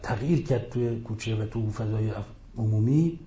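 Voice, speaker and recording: A man giving an impassioned religious lecture, retelling a story and rising into loud rhetorical outbursts. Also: fairly low pitch, reverberant, slight background noise. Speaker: preacher. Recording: dull lo-fi recording.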